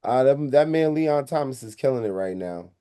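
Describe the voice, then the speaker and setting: A man's voice: medium pitch, animated, moderate pace, warm tone, smooth. Laid-back joking podcast man. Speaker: podcast co-host. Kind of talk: casual chat.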